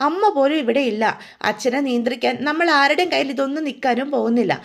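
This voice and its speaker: A woman's voice: sits high, fast talker, gravelly. Woman doing a young wife lecturing her husband. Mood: firm. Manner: firm, lecturing.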